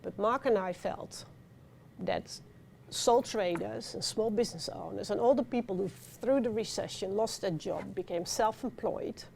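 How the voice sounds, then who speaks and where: A middle-aged Dutch woman with a Dutch accent speaking on a conference panel, animated, with many fillers and restarts. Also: mid-range voice, normal speed, creaky, slight background noise. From Netherlands. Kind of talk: panel discussion talk. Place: conference venue.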